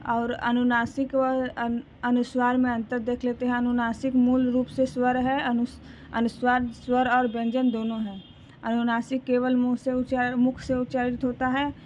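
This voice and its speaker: A woman teacher giving an exam-prep lesson, slowly reading out lists and reminding students to memorize them. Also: fairly high pitch, monotone, a little mellow. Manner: slow, deliberate listing with repeated reminders to memorize. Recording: slightly dull recording with faint room noise.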